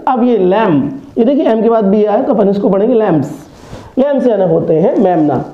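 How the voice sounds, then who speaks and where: A male English teacher gives a classroom-style video lesson, chanting word lists in a sing-song rhythm and explaining memory tricks. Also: high voice. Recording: echoey, tinny phone-like sound.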